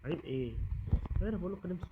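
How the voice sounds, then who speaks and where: Fast-talking Egyptian man playing a game. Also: high-pitched. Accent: Egyptian Arabic. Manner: excitable, jokey, talks to himself and the game. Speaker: gaming YouTuber. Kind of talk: horror game commentary. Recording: dull lo-fi mic with loud game noise.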